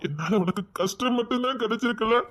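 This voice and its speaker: A woman's voice: a little high, fast, close to an everyday voice. A woman with a Tirunelveli Tamil accent playing a remorseful older man pleading with his wife in a family drama skit. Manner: pleading, sorrowful. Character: remorseful older man, estranged husband and grandfather.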